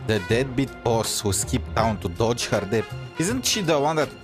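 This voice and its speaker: A woman's voice: extremely low pitch, expressive, normal speed. A woman game streamer casually reacting and chatting aloud with fillers. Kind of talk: casual gameplay commentary. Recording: voice over loud game music.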